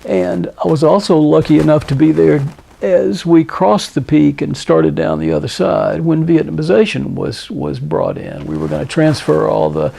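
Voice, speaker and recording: An American man in his seventies, a war veteran recounting his memories in a deliberate way, with hesitant pauses and emphatic phrases, in a gravelly, husky voice. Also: on the high side, mellow, a little hiss or hum. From Tennessee, United States. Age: 70s. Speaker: Vietnam veteran being interviewed.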